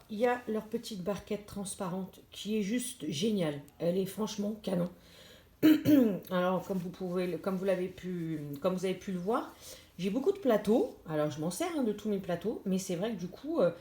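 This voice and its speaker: A woman's voice: on the low side, darkish tone. Chatty woman in an echoey room. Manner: chatty, hesitant, many fillers and restarts. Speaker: diamond painting vlogger. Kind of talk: casual unboxing chat to camera. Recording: echoey room, clear background noise.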